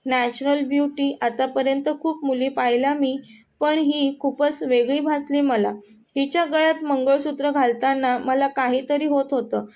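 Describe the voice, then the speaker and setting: A woman's voice: high-pitched, steady tone, unhurried, darkish tone. A woman voicing a young husband, flustered and hesitant, musing to himself in a story reading.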